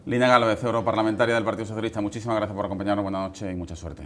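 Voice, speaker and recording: Formal, fast-talking TV interviewer. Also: mid-range voice, fairly even intonation, a little hiss or hum. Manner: formal, elaborate phrasing. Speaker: TV interviewer, host. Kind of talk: TV interview questions.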